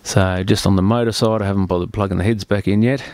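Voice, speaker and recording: A repair technician with a fairly low, smooth, clear, slightly mellow voice presents an unscripted tutorial on a hands-on repair. He talks fast in a steady tone, explaining each step in plain, practical terms, and the sound is close and dry with no room sound.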